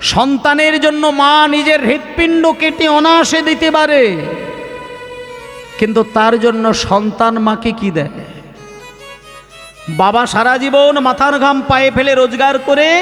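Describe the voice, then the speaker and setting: A man's voice: extremely high pitch, fairly bright tone, long reverb tail. A man preaching at a devotional kirtan gathering, impassioned and full of rhetorical questions to the audience. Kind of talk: devotional sermon with chanting. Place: devotional gathering with live music.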